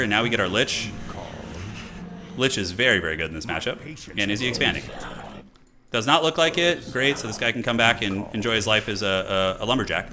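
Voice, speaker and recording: Lively low-voiced man commentating his game. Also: background noise. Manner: slangy, mildly profane, talking through moves. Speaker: gaming streamer commentating own match. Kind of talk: casual live gameplay commentary.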